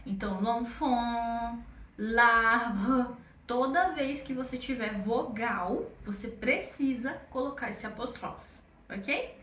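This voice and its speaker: Young woman, Brazilian Portuguese accent, French teacher, chatty and encouraging, slightly high voice, echoey room. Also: animated, a little slow, far from the mic. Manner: chatty, encouraging, says "ok?" often. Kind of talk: online language lesson.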